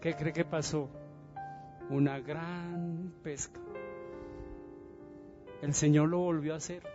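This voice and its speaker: A male pastor preaching a sermon in a church, animated and dramatic, getting the congregation to repeat phrases and asking them questions. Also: a little high, slow, lo-fi sound, music in the background.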